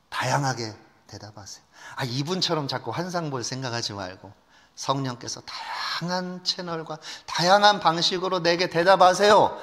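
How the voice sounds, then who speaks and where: Korean pastor preaching in a bright, reverberant church. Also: male voice, medium pitch. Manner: emphatic, rising into fervent pleading. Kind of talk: sermon. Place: church sanctuary.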